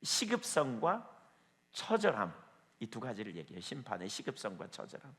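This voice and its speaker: A man's voice: mid-range voice, wildly swooping pitch, normal speed, fairly bright tone. A male pastor delivers an evening sermon in an ordinary mid-range voice. He preaches emphatically and keeps challenging his small congregation with rhetorical questions. His voice trails into a long hall reverb. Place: church, evening prayer meeting with a small audience.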